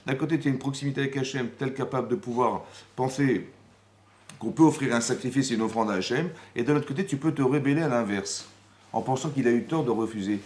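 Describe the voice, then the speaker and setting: A man giving a lively Torah class as rabbi, asking the room rhetorical questions and acting out the dialogue he explains. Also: mid-range voice, fast talker. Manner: animated, acts out quoted dialogue, rhetorical questions. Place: Paris community hall.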